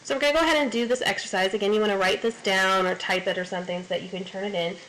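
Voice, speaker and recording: A woman at an ordinary middle pitch gives a recorded language lesson. She explains patiently, step by step, pausing on frequent fillers. A faint hiss of noise sits under her voice. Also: fairly even intonation, a bit bright, poor audio. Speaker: Spanish teacher.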